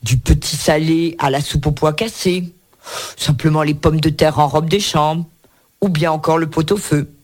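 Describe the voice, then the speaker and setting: A man's voice: a little high, fairly even intonation, normal speed. A man hosting a radio book segment, presenting a cookbook in a chatty way with playful asides. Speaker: radio book show host. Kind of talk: reviewing books on air.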